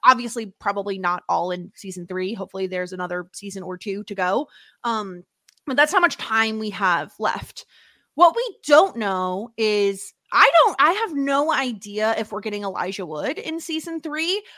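A woman's voice: medium pitch, animated, moderate pace, pushed and bright, dry recording, clean studio sound. A woman podcast host chatting casually about TV, with lots of "like" and "obviously". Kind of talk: casual chat.

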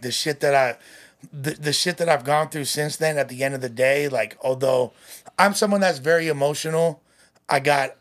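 A man in a candid podcast conversation. He talks in street slang with plenty of swearing, pushing his points with emphatic, bro-style hype. His voice sits at a middling pitch. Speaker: podcast guest. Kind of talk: casual, candid podcast talk.

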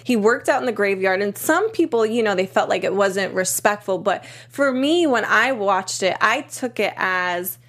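A woman from Boston, United States, with an American accent, a fitness trainer and TV show participant, gives a casual, chatty show recap full of stories and plenty of "you know" and "like." Her medium-pitched voice is lively and a bit bright, at a moderate pace with hardly any pauses.

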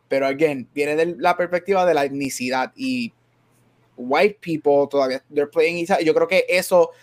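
With a slightly high, darkish-toned voice, this man co-hosts a casual podcast conversation, thinking things through aloud and frequently moving between English and Spanish.

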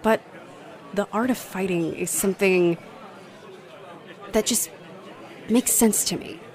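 A woman's voice: mid-range voice, takes it slowly, a little mellow, a faint crowd, close to an everyday voice. A young woman voicing a bubbly female bartender who is a starstruck fight fan, gushing, apologizing and laughing nervously. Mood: earnest, giddy. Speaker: roleplay voice performer. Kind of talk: audio roleplay acting.

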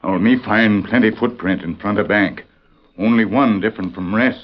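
A man playing a loyal, steady scout in an old radio western, speaking in clipped, simplified broken-English phrases. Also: fairly low pitch, normal speed, close to an everyday voice. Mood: earnest, terse. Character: loyal Native scout sidekick, terse and steady. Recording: dull lo-fi old radio recording.

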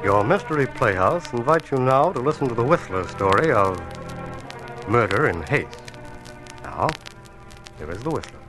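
A sinister vintage horror narrator played by a man opens an old radio mystery over music. His delivery is ominous and theatrical, with big swings of pitch around a medium register. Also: lively intonation, normal speed, pauses often, natural voice, low-quality recording. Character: sinister male host of a radio mystery playhouse. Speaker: show announcer and host.

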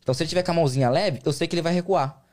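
Very fast-talking Brazilian man explaining a sport. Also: fairly high pitch, darkish tone. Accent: Brazilian Portuguese. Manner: slangy, colloquial, explains with examples. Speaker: guest, American football player. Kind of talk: casual podcast interview, explaining the sport.

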